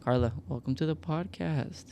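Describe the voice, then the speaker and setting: A man's voice: a little high, gravelly, dark tone, a little hiss or hum. Playful man hosting a podcast. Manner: playful, joking, quick follow-up questions. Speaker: podcast co-host. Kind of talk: casual podcast interview.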